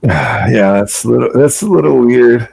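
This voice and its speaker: A man's voice: mid-range voice, expressive, unhurried, creaky, darkish tone, breathy edge, no room sound, poor audio. A man hosting a late-night stream, reading chat comments aloud and chatting casually with a co-host, laughing often. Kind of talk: casual chat while watching videos.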